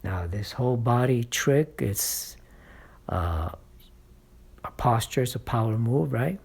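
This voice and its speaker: Male channel host, husky and unhurried, encouraging speaking coach who talks from experience. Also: medium pitch, expressive, darkish tone. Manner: coaching, checks in with frequent "right?" and "okay?". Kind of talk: motivational public-speaking advice.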